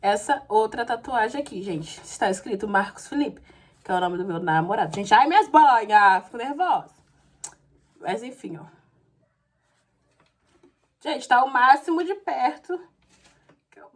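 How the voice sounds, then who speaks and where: A woman's voice: fairly high pitch, lively intonation, normal speed, long pauses. A young woman chatting in a casual vlog, telling a story in a rambling way and acting out both sides of the conversation. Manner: chatty, rambling, often says "gente" and "falei assim". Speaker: vlogger.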